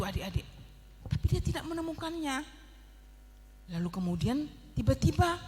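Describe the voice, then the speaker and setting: Animated woman telling a children's story. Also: high-pitched, long reverb tail. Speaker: Sunday school teacher. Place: church.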